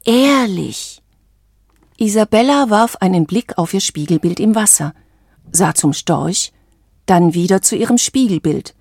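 A woman reading a children's storybook aloud in a calm, measured, clear manner. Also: medium pitch, dry recording, studio quality.

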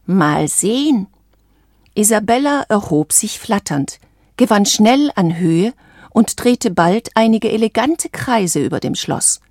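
A woman reads a children's storybook aloud at an unhurried, deliberate pace. Her voice is calm, measured and clear, at a middle pitch. The sound is close and dry, with no room echo.

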